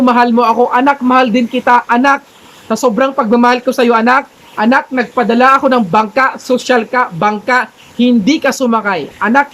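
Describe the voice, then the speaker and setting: A man storytelling as God, a patient father who gently scolds a stubborn child. The voice drops lower than his usual talk, with a soft, steady reproach and faint noise behind it. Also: poor audio.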